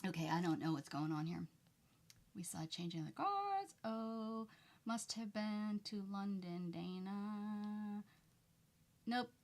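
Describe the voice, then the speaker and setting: An American craft channel host with a light Southern accent and a mid-range, expressive voice speaks at a slow pace. She chats casually with viewers, reads comments aloud, and tells rambling stories while working on a craft project.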